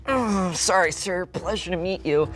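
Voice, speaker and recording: A man's voice: high voice, measured pace, over music. A man reading the part of a nervous young man meeting his boyfriend's dads in a comedic fan-fiction table read, hesitant and stammering.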